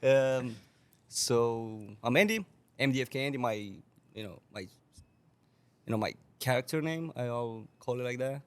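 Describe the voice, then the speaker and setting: A young Romanian bartender, guesting on a podcast, tells stories casually, swearing a lot and laughing often. He's animated, with a medium-pitched, clean voice and an unhurried pace.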